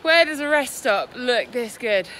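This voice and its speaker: A woman vlogging her outdoor motorbike riding, excitable and cheering, recorded on a camera mic outdoors. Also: a little high, a little slow, low-quality recording. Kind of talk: outdoor action vlog. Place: outdoors on mountain trails. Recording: loud engine noise outdoors. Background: motorbike engines.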